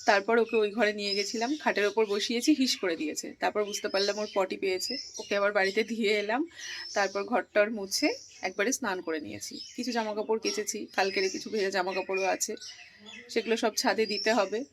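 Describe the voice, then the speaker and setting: A woman with a mid-pitched voice chats casually to her viewers as she narrates her morning at home, much of it from her kitchen. Her manner is homely and direct, and faint room noise sits under her voice. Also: fairly even intonation, fast. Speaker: vlogger.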